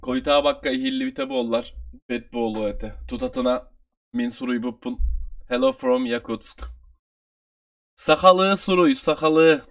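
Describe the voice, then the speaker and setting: Turkish guy teaching, slow and repeating stuff, gravelly voice that jumps all over. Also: mid-range voice, lively intonation. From Turkey. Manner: explains slowly, repeats phrases for learners. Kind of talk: online review lesson.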